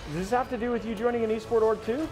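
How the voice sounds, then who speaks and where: A man's voice: very high-pitched, fairly even intonation, racing, poor audio. A man hosting a casual stream, joking and teasing his guest while building a PC.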